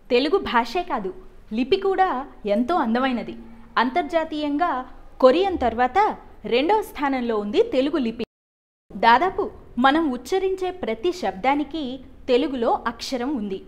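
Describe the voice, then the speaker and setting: Addressing a Telugu cultural event, a high-voiced woman delivers a prepared speech with a sung song, warm and teacherly, asking the audience to repeat words. Her intonation is lively and her pace unhurried, with frequent pauses.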